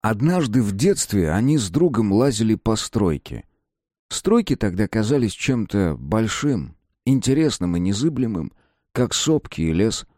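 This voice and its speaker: A man reading a story aloud in an expressive, dramatic narration. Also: fairly low pitch, unhurried, no echo, clean studio sound. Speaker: audiobook narrator. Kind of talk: scripted narration.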